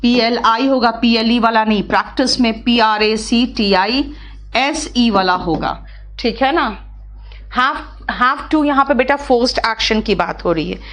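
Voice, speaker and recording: Indian woman teacher, fairly high voice, reads English lines slowly and explains them in Hindi to her students. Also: a bit bright. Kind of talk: live online class, answering student questions.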